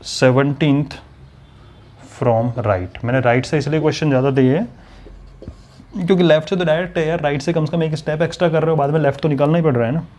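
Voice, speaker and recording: Hindi-speaking teacher explaining step by step. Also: male voice, on the high side, quick pace, a little mellow. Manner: explains step by step, often checks "clear?" with students. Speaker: maths and reasoning teacher. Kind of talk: online exam-prep lesson.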